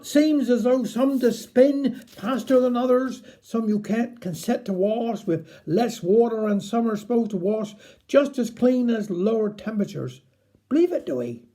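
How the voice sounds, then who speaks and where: High-voiced Cornish storyteller, a man with West Country accent. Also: warm tone. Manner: chatty, folksy, broad rural dialect with tag questions. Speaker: dialect storyteller. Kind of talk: telling a homely comic dialect story in first person.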